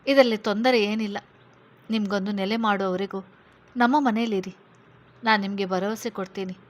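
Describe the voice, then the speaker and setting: Lady reading as a firm kind police guy, steady and reassuring, storybook. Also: medium pitch, normal speed, close to an everyday voice. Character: protective male police officer, calm and firm.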